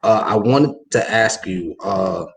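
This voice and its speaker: A man with a fairly low voice hosts a casual podcast interview. He asks his questions hesitantly and fills the gaps with plenty of uhs. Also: slow pace, gravelly. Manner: hesitant, filler-heavy questions. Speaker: podcast host.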